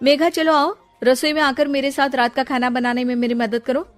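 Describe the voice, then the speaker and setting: A woman voicing a bossy middle-aged mother-in-law who scolds loudly and shrilly in a cartoon story. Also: high-pitched, flat delivery, moderate pace, soft background music, voice pushed up, natural voice. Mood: demanding.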